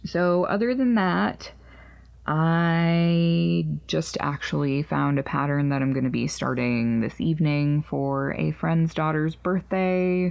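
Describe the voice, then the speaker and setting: Woman podcast host, 30s, casual rambling chat, low voice, dull lo-fi sound. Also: creaky, darkish tone. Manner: chatty, rambling, jokingly refers to herself in third person. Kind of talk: casual chat about crochet projects.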